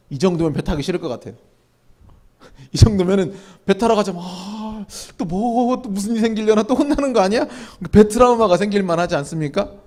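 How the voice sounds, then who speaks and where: A man's voice: a little high, darkish tone. A male pastor giving a sermon in a chatty style, asking the listeners questions and acting out lines of scolding. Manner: conversational, asks the audience questions and acts out scolding quotes. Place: indoor church hall at a small evening gathering.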